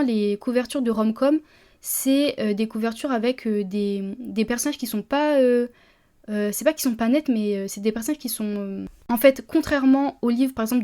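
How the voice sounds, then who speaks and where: A woman's voice: on the high side, dark tone. A woman, hosting a casual solo podcast about publishing, chatty with many fillers and restarts.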